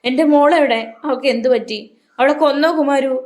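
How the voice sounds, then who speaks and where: Woman doing a wailing old mother, raised high voice, loud and anguished. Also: steady tone, moderate pace, natural voice. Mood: frantic. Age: older. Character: frantic grieving old village mother.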